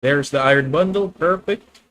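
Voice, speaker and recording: A man's voice: fairly high pitch, moderate pace, a bit bright, low-quality recording. Filipino-accented man streaming a card game. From Philippines. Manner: thinks aloud, chatty, talks to viewers. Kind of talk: live card game commentary.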